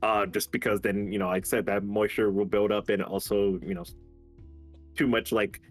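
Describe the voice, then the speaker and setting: A man's voice: lowish voice, level tone, moderate pace, faint music behind. A man co-hosting a podcast, chatting casually in a rambling way full of fillers and swearing. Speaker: podcast co-host. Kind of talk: casual chat.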